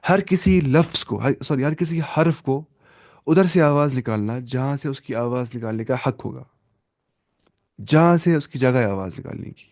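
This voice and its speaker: A man's voice: medium pitch, a little mellow, no echo. A man teaches Quran recitation rules in an online lesson. He often poses a question to his students and answers it himself, slipping in English terms. His mid-range voice is recorded close and dry, with no room sound.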